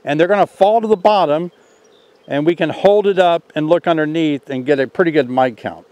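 A man in his sixties teaching a beekeeping test outdoors by the hives, talking in a relaxed, folksy way while he works. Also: fairly high pitch. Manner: relaxed, folksy, thinks aloud while working. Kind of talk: hands-on outdoor demonstration. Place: outdoors in an orchard beside beehives.

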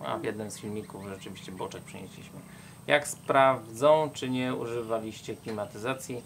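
A man's voice: fairly low pitch, normal speed, a little hiss or hum. A young man travel vlogger reading out viewer questions and explaining plainly in casual chat.

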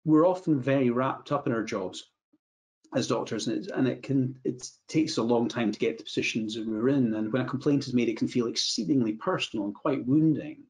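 A middle-aged Scottish man, a medico-legal adviser, giving a measured webinar presentation over a video call, often repeating words as he restarts phrases. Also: mid-range voice, a little mellow. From Scotland. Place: indoor room, video call.

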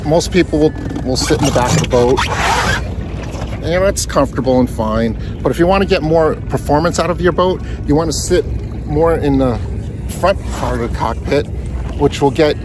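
A man in his forties, a sailing instructor, explains how to sail a small sailboat while out on the water, filming himself on a phone held at arm's length. His voice is fairly high and his pace moderate, with background noise around him. The vlog is casual and instructional, and he comes across as friendly and explanatory as he talks and sails.

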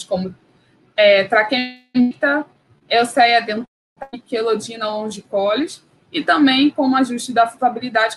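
A woman's voice: a little high, low-quality recording. A woman from Brazil giving an academic biology lecture, hesitant, with many fillers and restarts.

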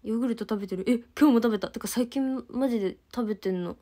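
A young woman, congested and nasal from a stuffy nose, chatting casually on a livestream and answering viewers' comments, with soft murmured asides. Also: fairly high pitch, quick pace. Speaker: idol livestreamer.

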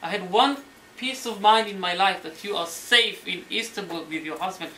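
A man acting out a frantic older father who yells in alarm at his daughter. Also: high voice, normal speed, slight background noise. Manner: yelling, pleading. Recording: roomy hall, mic at a distance.

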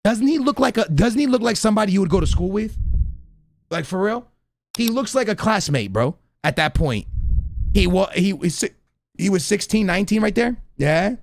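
A man in his thirties streams from a small indoor room, giving slangy, casual reaction commentary full of banter and emphatic repetition. His high, gravelly voice has lively intonation at normal speed, picked up by a close studio mic on a boom arm.

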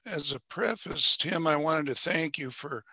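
Older man, raspy and congested, very sharp bright tone, raised pitch, measured show-and-tell delivery, headset mic. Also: lively intonation, no echo. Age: 70s or older. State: congested sinuses. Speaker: watch club member presenting a watch. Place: home room on a video call.

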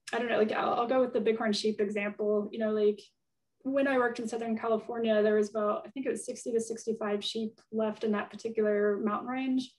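A woman answering audience questions as a guest expert, thinking aloud and hedging with plenty of fillers. Her voice sits a little high but stays flat in melody. She sounds set back from the microphone on a video call. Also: distant mic, poor audio. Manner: thoughtful, hedging, many fillers. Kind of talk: conversational Q&A answers.

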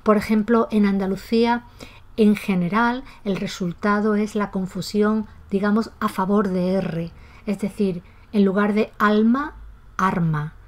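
Calm woman explaining pronunciation. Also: medium pitch, a little slow. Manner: calm, methodical, demonstrates pronunciations aloud; aspirates final S in her own speech. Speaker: language teacher. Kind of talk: explanatory lesson.

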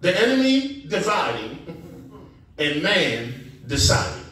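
A man preaching a sermon as guest preacher, animated and calling out to the congregation for responses. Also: sits high, slow pace. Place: church sanctuary. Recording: echoey church sound from a distance.

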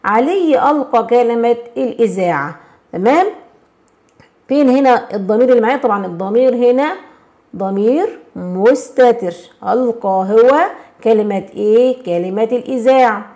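A woman with an Egyptian accent teaching a grammar lesson, constantly checking in with questions and slowing down to stress example words. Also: fairly high pitch, warm tone. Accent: Egyptian Arabic. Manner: slows and stresses words when reading examples.

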